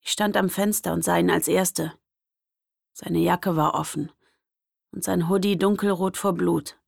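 A young woman narrating a first-person audiobook in a lively, expressive way. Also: fairly low pitch, measured pace, creaky, no room sound, clean studio sound.

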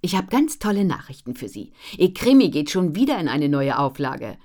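A woman's voice: low-pitched, moderate pace. Woman voicing a peppy book editor. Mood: enthusiastic. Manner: bright, energetic, louder. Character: upbeat female book editor, enthusiastic.

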